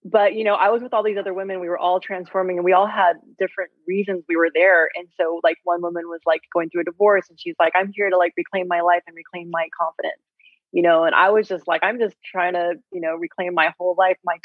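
A health coach in her forties, appearing as a guest, tells stories candidly in an interview, animated and rambling with lots of "like" and "you know". Her slightly low voice moves at a quick pace and comes through a thin, tinny, phone-like line. The recording is dry, with no room sound at all.

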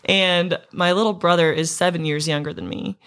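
A woman's voice: on the low side, steady tone, normal speed, a bit bright. A young woman from Montana, a singer-songwriter guest, telling a story in casual chat with many fillers and restarts.

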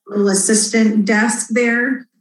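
A woman in her thirties from Houston, answering interview questions about running her PR agency in a lively, candid way. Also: fairly high pitch, slow, echoey room, poor audio. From Houston, Texas. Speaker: public relations agency owner.

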